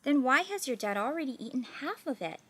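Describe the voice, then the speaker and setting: A woman's voice: high-pitched, sing-song, brisk, bright, forceful tone, breathy edge, pitched above the performer's own voice, heavily acted. A woman voicing a friendly, curious, eager young neighbor boy in a children's storybook. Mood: puzzled.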